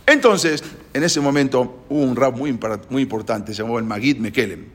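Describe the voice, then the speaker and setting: A man giving a sermon-like religious lecture, speaking emphatically with sudden rises in pitch and loudness, and halting restarts when he searches for words. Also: husky.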